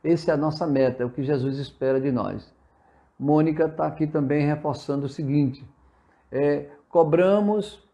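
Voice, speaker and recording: Brazilian male preacher on a livestream, higher-pitched and earnest, exhorting listeners while answering comments. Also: warm tone. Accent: Brazilian Portuguese. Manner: earnest and exhortative, reads out viewer comments and replies. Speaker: spiritist preacher hosting a live session. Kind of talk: live sermon-style talk answering viewer comments. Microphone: livestream from a phone or computer.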